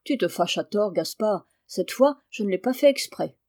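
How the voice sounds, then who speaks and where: A woman reading the lines of a playful, good-natured farm boy in a storybook, in a lively tone. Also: mid-range voice, moderate pace, no echo, clean studio sound.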